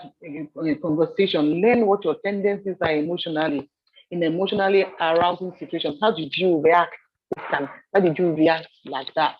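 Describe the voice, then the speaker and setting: A woman from Nigeria leading a soft skills training session, telling stories with animated repetition. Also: lowish voice, breathy edge, highs cut off. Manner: animated storyteller, repeats phrases. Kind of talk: training seminar talk.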